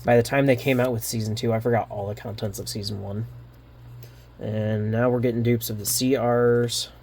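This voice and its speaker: A man rambling through a card unboxing, halting often with fillers and restarts, a little winded. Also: medium pitch, steady tone, a little mellow, a little hiss or hum. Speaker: card unboxing channel host. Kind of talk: casual unboxing commentary.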